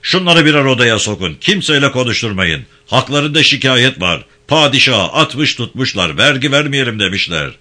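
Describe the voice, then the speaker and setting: A man voicing a harsh male Ottoman police chief who shouts orders and threats. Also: mid-range voice, sing-song, normal speed, few pauses, pitched above the performer's own voice. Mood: stern.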